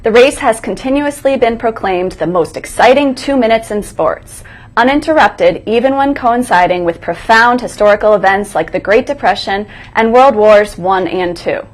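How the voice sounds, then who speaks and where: A woman's voice: on the high side, moderate pace. A woman co-hosting a school morning broadcast, reading scripted announcements aloud.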